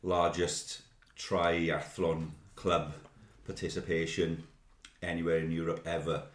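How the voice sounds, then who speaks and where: A man's voice: sits low, little pitch movement, slow pace, roomy sound. A man co-hosting a club podcast, chatting casually and rambling with many fillers. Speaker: podcast co-host. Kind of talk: casual chat.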